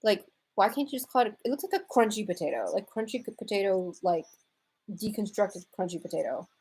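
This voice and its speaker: An American woman raised in Houston, Texas hosts a live stream, reading out and answering viewer comments in a wry, irreverent, slangy, casual way. Her medium-pitched voice is animated and brisk, a little mellow and slightly rough.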